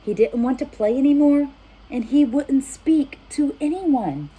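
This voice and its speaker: A woman with a high, warm voice reads a picture book aloud a little slowly, telling the story to young children and addressing them directly. Her narration is animated and sprinkled with asides to the kids, though the recording quality is low.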